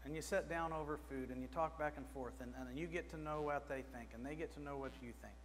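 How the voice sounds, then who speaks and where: A middle-aged man delivers a sermon from the pulpit of a small church, his voice fairly high and his pace brisk. He keeps it conversational, putting questions to the congregation. The pulpit microphone picks up a reverberant room and a faint mains hum.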